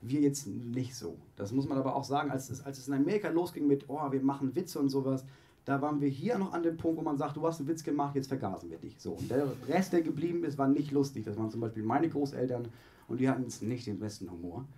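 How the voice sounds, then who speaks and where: A young man with a warm, mid-range voice appears as a guest comedian in a casual onstage chat. Facing an audience in a small living-room setting with a handheld mic, he's quick and wry, pokes fun at himself, and acts out the voices he quotes.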